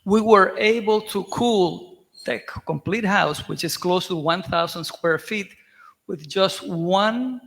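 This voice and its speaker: Man, architect, hesitant, gravelly, long hall reverb. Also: high-pitched, fairly bright tone. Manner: hesitant, many fillers and restarts. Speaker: architect panelist. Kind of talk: conference Q&A answer. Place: conference hall.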